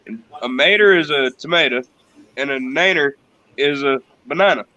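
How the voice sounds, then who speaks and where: A man's voice: medium pitch, moderate pace, pushed and bright, dull audio. A man on his phone in a casual online group chat, explaining things plainly and unhurriedly. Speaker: chat participant.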